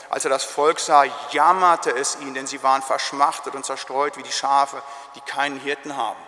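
A man's voice: fairly high pitch, sharp tone. Solemn preacher man in a reverberant church. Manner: solemn, slows down on key phrases. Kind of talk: sermon.

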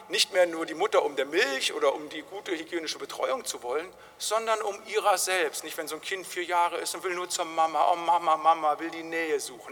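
This male pastor's voice is fairly high and sharp-toned as he delivers a sermon in church, the long hall reverb trailing each phrase. He preaches conversationally, keeps asking "nicht?", and occasionally acts out a crying baby.

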